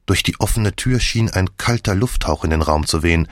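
Brief: male audiobook narrator, measured first-person crime reading, low voice, dry sound. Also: dry recording.

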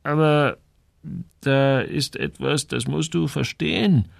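A man voicing a hesitant, slow-spoken butcher near sixty in an audiobook. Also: on the high side, vocal fry, dry recording, studio quality, voice pushed up, exaggerated voice. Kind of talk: audiobook character voice.

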